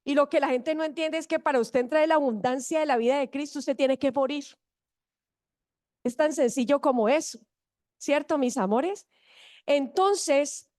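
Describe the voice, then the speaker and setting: A woman's voice: sits high, darkish tone, dry recording, clean studio sound. A woman pastor, preaching a sermon and acting out the voices in a story she tells. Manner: asks the congregation to repeat after her. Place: church.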